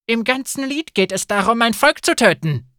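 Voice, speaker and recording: A brooding woman merchant answers indignantly in a raised voice, played by a male narrator. The audiobook delivery is animated. It is recorded dry and close. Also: fairly high pitch, slow, no echo, pitched above the performer's own voice, exaggerated voice. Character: brooding, touchy female merchant.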